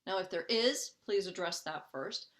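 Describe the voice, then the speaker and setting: In a webinar for parents, a middle-aged woman life coach speaks earnestly and conversationally, often checking in with "okay?" and acting out her own inner voice as she walks through each step. Her voice is fairly low and a bit bright, at a moderate pace.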